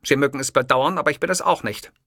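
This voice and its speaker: A man's voice: medium pitch, fast, sharp tone, dry recording, clean studio sound, pitched above the performer's own voice. A man voicing a pompous, self-assured older male dictator who speaks with emphatic, haughty declamation in an audiobook. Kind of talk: audiobook character voice.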